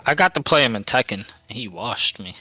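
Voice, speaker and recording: A man's voice: medium pitch, animated, fairly quick, pushed and bright, slightly rough, faint music behind. A man gushing enthusiastically in a casual roundtable chat.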